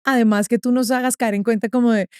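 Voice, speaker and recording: A woman hosting a podcast interview, effusive and quick to laugh. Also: a little high, steady tone, darkish tone, clean tone, no echo, clean studio sound. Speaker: podcast host. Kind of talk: casual interview chat.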